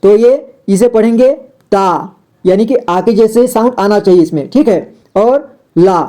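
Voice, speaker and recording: Patient man teaching reading, mellow voice. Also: high-pitched, moderate pace. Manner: patient, repeats words, keeps asking the viewer questions. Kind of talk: step-by-step reading lesson.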